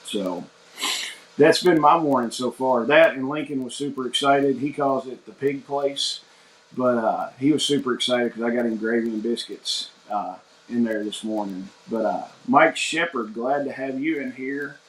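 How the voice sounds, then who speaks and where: A man's voice: mid-range voice, normal speed. A man chats loosely on a morning livestream. His voice sits in a middle register, and his talk is folksy and rambling. The sound carries a noticeable room echo. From United States. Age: 40s. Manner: rambling, folksy, reads viewer comments aloud. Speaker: livestream host. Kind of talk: casual livestream chat. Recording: echoey room.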